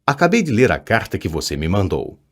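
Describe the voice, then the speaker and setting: Casting: man doing a frail bald old headmaster, feeble gentle voice, sudden lifts in pitch, audiobook read. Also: huge pitch swings. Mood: kindly. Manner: weak, gentle, halting voice.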